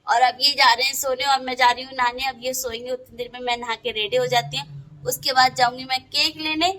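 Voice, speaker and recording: Young female vlogger, North Indian Hindi, high-pitched and bright, chatty step-by-step narration. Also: fairly even intonation, fairly quick, rough recording. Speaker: vlogger and mother. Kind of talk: casual home vlog talking to viewers. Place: home rooms, then street and a shop.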